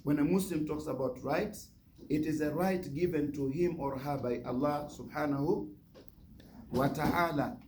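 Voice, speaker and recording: This guest imam speaks at a normal speed in a fairly high, darkish voice. His lecture on religion relies on repeated phrases and questions put to the audience, with noticeable noise in the background.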